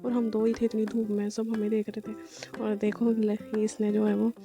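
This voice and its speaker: A woman's voice: medium pitch, monotone, moderate pace, over music. A young woman narrating her day out with a friend in a rambling, chatty vlog voice-over, full of fillers. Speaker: vlogger.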